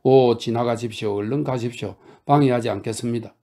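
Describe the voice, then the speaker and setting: A man's voice: medium pitch, steady tone, fairly quick, warm tone, natural voice. A man doing an overwrought, declaiming young man. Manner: exclamatory, declaiming, breathless. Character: reckless, overwrought young man making wild speeches. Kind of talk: audiobook character reading.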